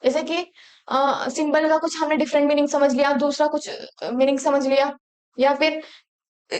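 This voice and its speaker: Woman, high voice, young, exam-prep lecture, rhetorical questions to the class. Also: little pitch movement, moderate pace, darkish tone. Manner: explains in Hindi mixed with English terms, asks the class rhetorical questions. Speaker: teacher.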